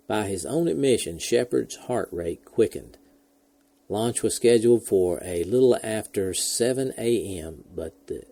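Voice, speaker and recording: A man hosting a podcast, telling history in a steady, measured scripted narration. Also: lowish voice. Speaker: podcast host.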